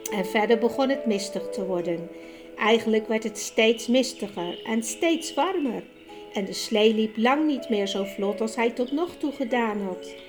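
A woman reading a children's story aloud in a calm, measured and expressive way. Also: fairly high pitch. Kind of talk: audiobook narration for children. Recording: music bed behind the reading.

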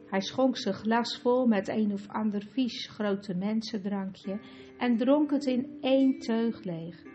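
A woman reading a children's story aloud as narrator, in a calm, even storytelling manner. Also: a little high, slow. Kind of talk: audiobook reading. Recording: dull lo-fi with guitar music.

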